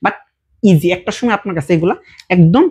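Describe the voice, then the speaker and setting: Husky-voiced teacher explaining grammar patiently. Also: mid-range voice, a little fast, darkish tone. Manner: explains patiently with repeated examples and check questions. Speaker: Italian language teacher. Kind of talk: casual online language lesson.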